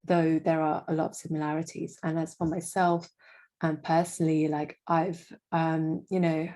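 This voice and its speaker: A woman's voice: low-pitched, flat delivery, moderate pace, warm tone. A young woman from Indonesia, a freelance marketing manager, answering interview questions in a casual, hesitant way with many fillers and restarts.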